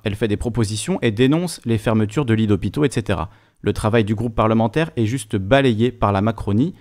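Lower-voiced man reading out questions. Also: a little mellow. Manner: plain, reads questions aloud. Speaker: moderator.

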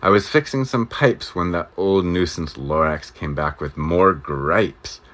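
A man reading a rhyming storybook aloud as a storyteller, with a rhythmic, expressive delivery. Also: sits low, unhurried.

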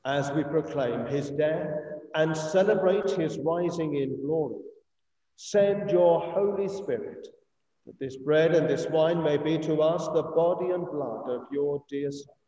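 Solemn and measured, a middle-aged priest with an English accent recites the eucharistic prayer as he leads communion, his voice slightly high and mellow, every phrase deliberate. The church is echoey and the sound, from a distant mic over a video call, is muffled.

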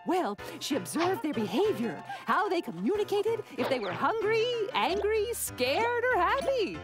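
A woman voicing a lively older grandmother in a children's puppet show, playful and chuckling. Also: very high-pitched, measured pace, over music, exaggerated voice. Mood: cheerful. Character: lively, fun-loving grandmother.

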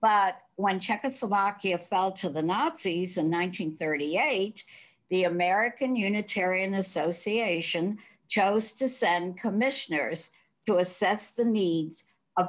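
An older woman moderating a panel discussion over a video call from her living room, speaking in a measured, deliberate way. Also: on the low side, rough recording.

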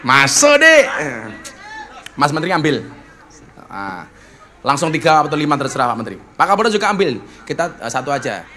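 Bright-voiced Javanese man preaching. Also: a little high, wildly swooping pitch, normal speed, slight background noise. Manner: joking, teasing banter with guests. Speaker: preacher hosting a religious gathering. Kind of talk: lively sermon storytelling to a crowd.

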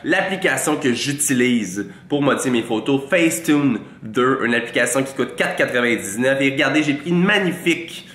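His voice is mid-range and fairly bright, with lively intonation, a moderate pace, and few pauses, and the room sounds reverberant. He's a fitness vlogger in his twenties with a Québécois French accent, congested from a cold, playfully showing off in a mock-boastful tutorial to camera. He uses a large studio mic placed in front of him in a small room with a green-lit wall.

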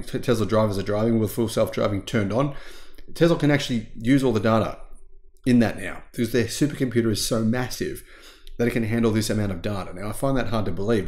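A man's voice: lowish voice, darkish tone. A man in his forties hosting a tech news channel from a small home studio, talking with emphatic enthusiasm and stretching key words. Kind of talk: casual news commentary.

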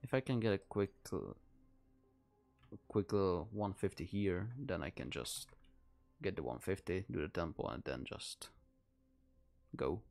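This game streamer, a Czech man with a Czech accent, rambles through live commentary while playing, thinking aloud against a backdrop of game music. His low-pitched voice is animated and a little mellow, a bit slow, with vocal fry and frequent pauses.

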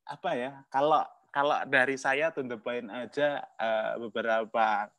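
A man hosting a casual livestream chat, joking, laughing often and filling pauses. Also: medium pitch, steady tone, a bit bright, no echo. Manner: jokey, laughs often, many fillers. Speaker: host.

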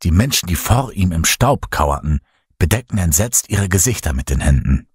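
A man reading a horror story as narrator, in a measured, dramatic telling. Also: sits low, sing-song, breathy edge, dry recording, clean studio sound. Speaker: audiobook narrator.

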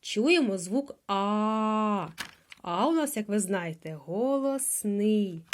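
A woman's voice: mid-range voice, animated, slow pace, a little hiss or hum. A woman with a Ukrainian accent teaching small children to hear the sounds in words, drawing out each sound and repeating every word. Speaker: preschool teacher. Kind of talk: slow phonics lesson for small children.

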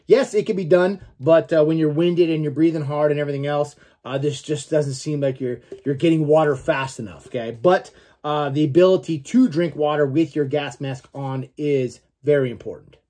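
His voice is on the high side and warm, with fairly even intonation and a moderate pace. The forty-something gear reviewer talks casually to camera about a product from a small room at home, a little salty and mildly profane, often tossing in "okay?".

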